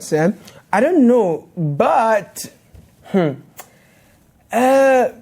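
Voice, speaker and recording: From a studio, a young man with a Ghanaian accent hosts a satirical news show, playful and sarcastic and laughing as he talks. His voice is high-pitched and a little mellow.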